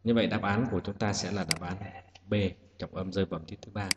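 Low-voiced male teacher, echoey hissy room. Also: fast, highs cut off. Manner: patient step-by-step explaining. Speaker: English teacher. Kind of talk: exam-prep lesson. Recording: echoey room with loud hiss.

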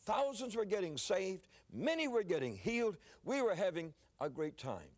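An older male preacher tells a story in a sermon, with a fairly high voice that rises and falls in a lively way. He often repeats a word or two as he begins a phrase. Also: moderate pace. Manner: lively, repeats words when starting phrases.

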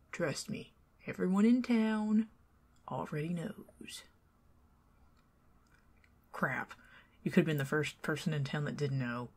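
A deep-voiced woman with a Southern accent from the American South plays a teasing, friendly young neighbor in an ASMR roleplay. She chats away to the listener and gradually eases into quiet whispering.

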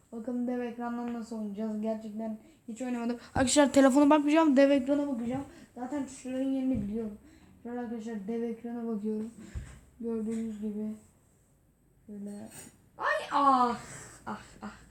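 Excitable woman gamer in a roomy space. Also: a little high, brisk. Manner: excitable, talks to the game, frequent exclamations. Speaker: gaming channel host. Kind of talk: excited gaming commentary. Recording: roomy echo.

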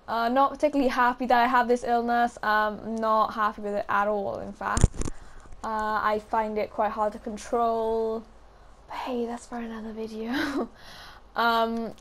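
A fourteen-year-old girl with a Welsh accent chatting casually in a vlog, giggling often and saying "like" a lot. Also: a little high. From Wales. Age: teens. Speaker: gaming YouTuber. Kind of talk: casual vlog chat over gameplay.

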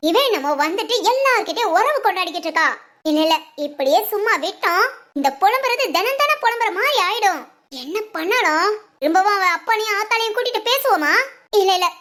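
Woman voicing a shrill scheming mother-in-law. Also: bright, forceful tone, exaggerated voice. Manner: grumbling, scolding lament, full of village insults. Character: scheming bitter older mother-in-law, jealous of her son's wife. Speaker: cartoon voice actor. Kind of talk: cartoon family drama acting.

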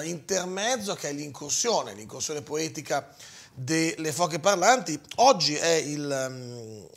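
A man's voice: a little high, fairly bright tone. A man hosting a morning radio show, chatting casually and introducing guests. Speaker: radio host.

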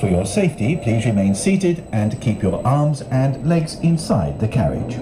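A man giving a slow, measured ride safety announcement over an outdoor loudspeaker. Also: medium pitch, sing-song. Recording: distant loudspeaker, noisy outdoor park.

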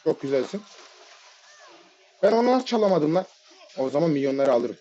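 A man commenting live on his own match, his voice leaping up and down as he yells at teammates in sudden excited bursts. His tone is dark and mellow. The mic sounds dull and lo-fi, with faint music underneath. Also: on the high side, normal speed, slight background noise. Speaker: gamer playing a ranked match.

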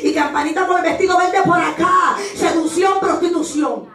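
A woman evangelist giving an impassioned Pentecostal sermon, rising to shouts at times and acting out the voices of others. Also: very high-pitched, steady tone, moderate pace. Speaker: evangelist preacher. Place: church. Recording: echoey church hall, mic at a distance.

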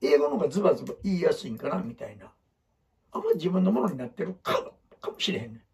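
A man's voice: fairly high pitch, big pitch swings, quick pace, gravelly, darkish tone. A man with an Osaka Kansai accent in a casual, blunt, rambling talk, explaining ideas with a whiteboard. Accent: Osaka Kansai dialect. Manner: blunt, rambling, acts out quotes in other voices. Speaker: photographer giving life advice.

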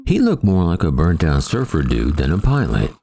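A man's voice: huge pitch swings, normal speed, creaky, warm tone. A middle-aged man narrating a wry, vivid first-person story of his first flying lesson. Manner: wry, vivid storytelling with big swings in pitch.

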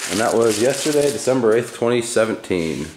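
A man with a medium-pitched, expressive, darkish voice talks briskly while casually demonstrating a tool in his garage at home, camera in hand. He's laid-back and rambling, using fillers and correcting himself. The garage has a concrete floor, an echoey sound, and faint background noise.

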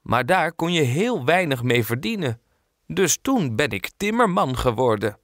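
A man's voice: on the high side, very animated, a little slow, a bit bright, no echo, clean studio sound, voice pushed up. A man doing a friendly old carpenter. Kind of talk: audiobook character voice.

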